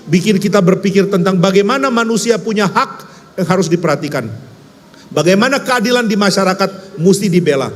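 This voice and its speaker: Man from Indonesia, preacher, fairly high voice, long hall reverb, emphatic storytelling. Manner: lively storytelling, wry and emphatic. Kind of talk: conversational sermon.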